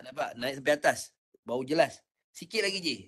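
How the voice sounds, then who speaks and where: A man with a Malaysian Malay accent teaching Quran recitation in an online class, patient and coaching, demonstrating sounds slowly. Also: mid-range voice, animated, fairly bright tone, breathy edge.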